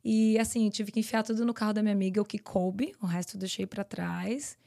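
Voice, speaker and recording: A Brazilian woman, a podcast guest, telling her personal story in an earnest, rapid flow. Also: medium pitch, steady tone, vocal fry, mellow. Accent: Brazilian Portuguese. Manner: earnest, tells events in long rapid runs.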